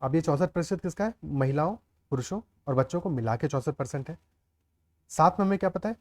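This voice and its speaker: A man's voice: on the high side, expressive, fairly quick, darkish tone. A man teaching a maths lesson step by step, often checking with the class whether they follow. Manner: explains aloud, often checks the class with "clear?" and "okay".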